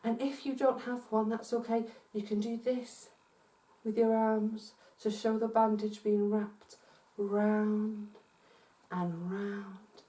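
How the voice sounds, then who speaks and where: Animated Scottish woman telling a story in a roomy space. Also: on the high side, unhurried, far from the mic. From Scotland. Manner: animated, encouraging, talks straight to listeners at home. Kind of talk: interactive multi-sensory storytelling for children. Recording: roomy echo, voice from off-mic.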